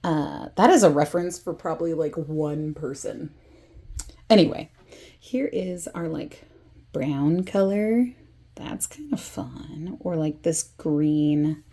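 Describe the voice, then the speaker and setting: A woman making a soft-spoken makeup video, rambling casually with self-deprecating, giggly asides. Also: low voice, slow. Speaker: makeup vlogger.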